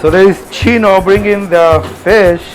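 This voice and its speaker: Halting man with a Peruvian accent. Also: high-pitched, steady tone, soft background music. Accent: Peruvian Spanish. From Peru. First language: Spanish. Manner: halting, searching for words. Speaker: restaurant owner. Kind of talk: casual interview. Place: restaurant kitchen.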